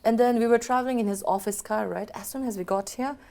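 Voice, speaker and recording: Her voice is fairly high, gravelly and mellow, with a steady tone, and she talks fast over slight background noise. This thirtysomething woman from Bhutan, Bhutanese accent and all, is ill with a half-gone voice yet stays chatty and candid in the interview, peppering her talk with "you know."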